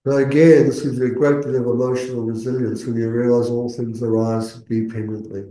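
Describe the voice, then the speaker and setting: A man speaking as a Buddhist meditation teacher, giving earnest, measured spoken teaching with pauses mid-phrase. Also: medium pitch, level tone, mellow. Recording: echoey room.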